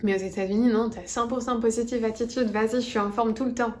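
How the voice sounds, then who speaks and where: A woman's voice: a little high, steady tone, fast talker. A woman from France chatting casually in a vlog, rambling along and correcting herself as she goes. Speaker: vlogger.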